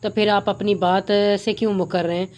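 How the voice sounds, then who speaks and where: A woman reading the lines of a strong-willed young wife who speaks in a firm, serious way with a flat voice. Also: mid-range voice, moderate pace, lightly acted. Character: cool, headstrong young wife.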